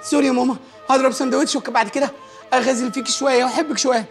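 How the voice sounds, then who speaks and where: A whiny, sing-song grown son. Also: male voice, very high-pitched, fairly even intonation, rapid-fire, soft background music. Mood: whiny pleading. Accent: Egyptian Arabic. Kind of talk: Egyptian film comedy acting.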